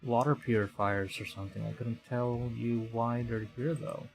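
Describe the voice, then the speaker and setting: A man from the Philippines, streaming a visual novel, reads the story aloud while muttering his own reactions in between. His mid-range voice is steady and creaky at normal speed, and the rough recording carries game music in the background.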